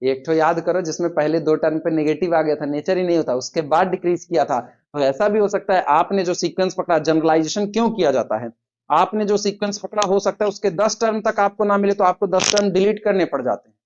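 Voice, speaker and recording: A man teaching a math lecture, dictating steps slowly and quizzing his students as he goes. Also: high voice, lo-fi sound. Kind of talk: classroom lecture.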